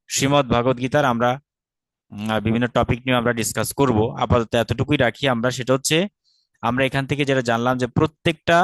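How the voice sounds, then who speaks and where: A man's voice: mid-range voice, fairly bright tone, no room sound. Patient man teaching verse grammar. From Bangladesh. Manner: explains patiently, often asks rhetorical questions and checks understanding; slows down to chant verse syllables carefully. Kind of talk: online class lecture.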